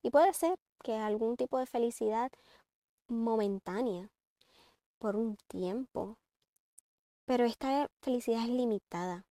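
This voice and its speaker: A woman's voice: on the high side, unhurried, pauses often, no echo, studio quality. A woman giving earnest parenting advice in a reflective talk. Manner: earnest, advising, shifts between calm and emphatic. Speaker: parenting speaker.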